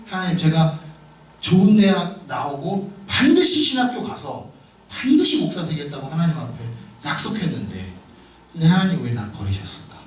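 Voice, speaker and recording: A man preaching a sermon with personal testimony, moving from quiet storytelling to shouted emphasis. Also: a little high. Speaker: pastor. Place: church sanctuary. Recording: echoey hall from far off.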